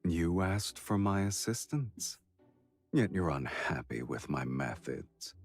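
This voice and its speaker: An actor voicing a suave, mocking male fiend nobleman who speaks smoothly and without hurry. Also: low voice, big pitch swings, slow, full character voice. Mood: teasing. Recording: game audio with music behind.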